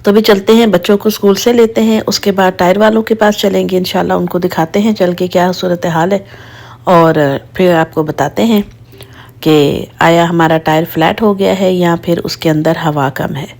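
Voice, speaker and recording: A woman's voice: fairly low pitch, normal speed, vocal fry. A woman in her thirties from Pakistan with a Pakistani accent, chatting casually to viewers in a daily vlog. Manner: chatty, talks to viewers while driving and errands. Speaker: vlogger. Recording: camera audio with steady background noise.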